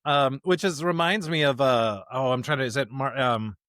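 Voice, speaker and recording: Here a male podcast co-host talks through Bible passages and reads them aloud, thinking out loud as he goes. He speaks at a normal speed in a steady, mid-range voice with a fairly bright tone, captured in a clean, dry studio recording.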